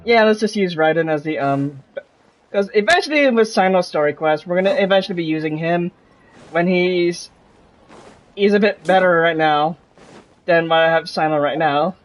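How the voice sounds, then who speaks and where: Over game music and a rough recording, a male streamer chats casually about his gameplay in a high voice at normal speed. His thoughts wander and frequently trail off partway through.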